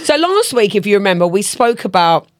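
A woman's voice: medium pitch, sing-song, a little fast, dry recording. A middle-aged woman co-hosting a podcast in casual chat, frank and laughing, steering the talk on a studio mic. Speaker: podcast co-host.

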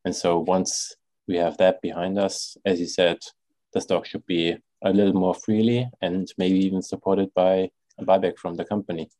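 A man's voice: low-pitched, little pitch movement, normal speed, mellow, dry recording. A man hosting a financial podcast, speaking as the presenter. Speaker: podcast host.

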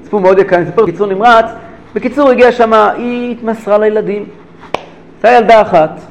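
A man teaching a religious lesson who tells stories with animated, repeated phrases for emphasis. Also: sits high, dull audio, a little hiss or hum. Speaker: rabbi teacher. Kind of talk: lesson storytelling.

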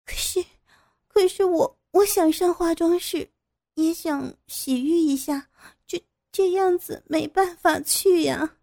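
A woman voicing a frightened captive teacher who stammers out high, tearful pleas. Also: takes it slowly, creaky, dark tone, exaggerated voice. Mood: pleading, tearful.

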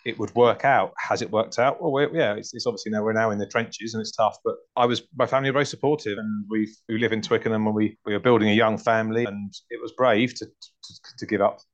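Speaking quickly in a fairly low, even voice with clipped highs, this man answers interview questions on a podcast. He's in his forties, has a home counties accent from southern England's north London and Hertfordshire, founded a farm shop and works as a butcher, and reworks his phrasing as he talks.

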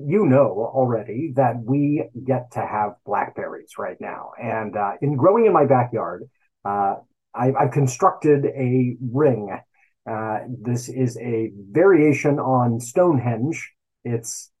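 Male podcast host, husky mid-pitched voice, meandering and wry, corrects himself often. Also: a little mellow, poor audio. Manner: meandering, self-correcting, dry sarcastic asides. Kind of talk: casual rambling monologue.

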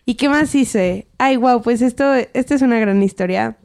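A woman's voice: fairly high pitch, normal speed, darkish tone. A young woman with a Mexican accent, telling a story in casual podcast chat, acting out quotes and laughing often.

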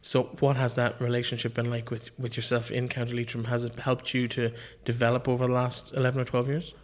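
A man's voice: mid-range voice, monotone, a little fast. A man with an Irish accent hosting a conversational podcast interview, introducing and questioning a guest.

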